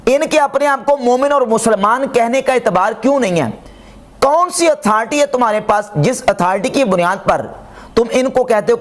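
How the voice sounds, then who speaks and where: A man giving an argumentative religious lecture, firing rhetorical questions and quoting Arabic. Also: high-pitched. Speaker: religious scholar reviewing a speech.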